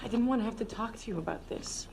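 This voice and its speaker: Creaky-voiced, seductive scheming woman. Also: on the high side, fast, a little mellow, slight background noise. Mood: pleading, calculated. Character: scheming, seductive younger woman, coolly manipulative lover. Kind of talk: television crime drama acting.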